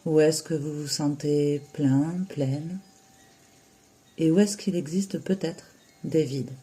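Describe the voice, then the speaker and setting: In a soft-edged, mellow, mid-range voice, a yoga teacher guides a relaxation at a slow, soothing pace. Her intonation stays fairly even as short phrases are separated by long pauses, over faint background music.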